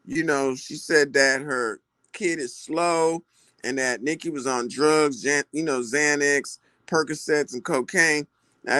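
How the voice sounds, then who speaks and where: A man's voice: a little high, pushed and bright, no room sound. A man giving casual celebrity gossip commentary, retelling stories in slangy talk and acting out the quoted lines.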